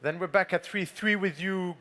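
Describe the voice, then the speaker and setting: High-voiced man, fine art auctioneer calling bids. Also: normal speed, sharp tone. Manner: poised, formal fine art auctioneer delivery, polite prompts to bidders. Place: auction saleroom with bidders present.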